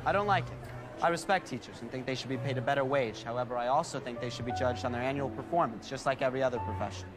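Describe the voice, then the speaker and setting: A man's voice: mid-range voice, fast, over music, natural voice. An actor playing a stiff, formal young male student candidate who speaks earnestly and precisely in a film. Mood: composed. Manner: formal, earnest, precise, builds to shouting in speech. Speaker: student candidate for school board. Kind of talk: film dialogue, campaign speech and debate prep. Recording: reverberant hall, faint noise.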